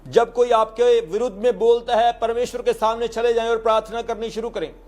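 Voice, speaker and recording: A man's voice: very high-pitched, steady tone, fairly quick, darkish tone. A male pastor preaching a sermon, telling stories and calling out hallelujahs, with English words mixed into his talk.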